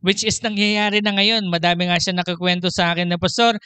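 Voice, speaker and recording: Bright, clear-voiced pastor. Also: male voice, sits high, little pitch movement, brisk, no room sound. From Philippines. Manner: switches between Tagalog and English, storytelling, laughs often. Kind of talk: sermon.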